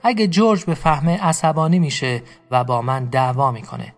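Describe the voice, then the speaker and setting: A man's voice: a little high, expressive, long reverb tail, close to an everyday voice. A man doing a big simple-minded farmhand. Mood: pleading. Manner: pleading, childlike, breathless.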